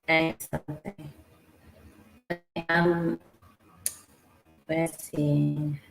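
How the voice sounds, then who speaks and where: A woman hosts a casual livestream, speaking slowly and stopping often to restart her sentences. Her voice is a little low and gravelly. She sounds like she is in an echoey room, with faint guitar music behind her. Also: level tone. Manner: slow, halting, with many fillers and restarts. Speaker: livestream host. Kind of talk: casual livestream talk about history.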